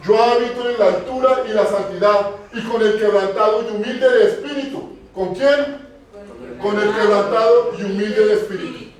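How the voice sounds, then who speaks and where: A man's voice: high-pitched, normal speed. A male pastor preaching a sermon, putting questions to the congregation and repeating key phrases for emphasis. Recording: echoey church from far off.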